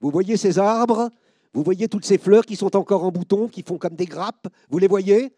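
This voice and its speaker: A man's voice: high-pitched, no echo, voice pushed up. A man voicing a barking army officer. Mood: commanding. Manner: loud, commanding, drawn-out emphasis. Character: stern male army officer barking orders at soldiers.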